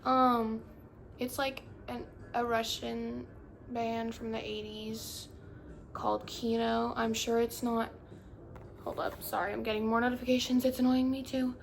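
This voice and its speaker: A young woman's fairly high, creaky voice moves little in pitch and runs a little slow as she vlogs into her phone camera. Chatty and rambling, she often stops herself mid-thought in a put-on valley-girl inflection. Faint music and slight background noise sit behind the recording.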